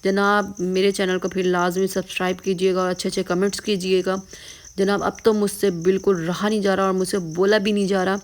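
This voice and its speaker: A woman's voice: mid-range voice, flat delivery. A tired woman, chatting casually to her viewers in a vlog. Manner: chatty, tired, often addresses viewers as "janab". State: hoarse, tired voice. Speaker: vlogger.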